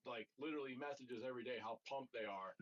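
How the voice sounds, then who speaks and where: A man's voice: mid-range voice, fast. A young man in a band, guesting on a podcast, telling rambling stories with casual swearing and lots of fillers. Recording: dull lo-fi audio.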